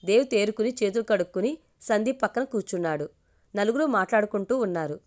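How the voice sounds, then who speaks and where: Calm woman reading a story aloud. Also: mid-range voice, quick pace.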